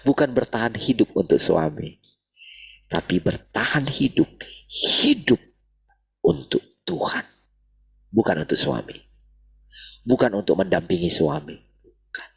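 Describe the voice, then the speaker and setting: Male preacher, husky voice, lively pitch, casual sermon delivery. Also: a little slow, pauses often. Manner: animated, repeats "gitu" often. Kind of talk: sermon over video call.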